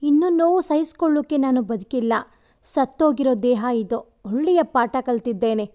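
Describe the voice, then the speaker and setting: A woman's voice: high voice, moderate pace, mellow, lightly acted. A woman voicing a hurt, scornful young woman who speaks cuttingly in a storybook narration. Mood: bitter.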